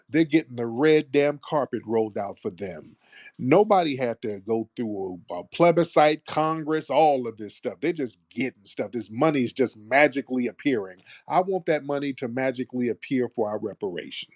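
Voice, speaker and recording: American guy hosting a call-in debate, pushy questions, middling pitch, very dry sound. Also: animated, normal speed, dry recording. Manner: assertive, probing. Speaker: host of a live call-in talk show. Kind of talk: casual debate.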